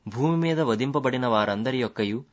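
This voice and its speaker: Solemn male scripture reader, lo-fi. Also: mid-range voice. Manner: measured, solemn recitation. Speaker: Bible reader. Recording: dull lo-fi recording.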